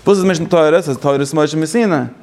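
A man's voice: a little high, fast talker, a little mellow. Rambling man teaching Torah. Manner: rambling, self-correcting, mixes in English and Hebrew terms. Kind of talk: Yiddish-style Torah class.

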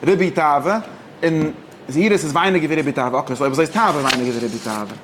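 Halting man teaching. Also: a little high, noisy background. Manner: halting, mixes languages, many fillers and restarts. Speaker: teacher of religious texts. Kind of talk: informal text study lesson.

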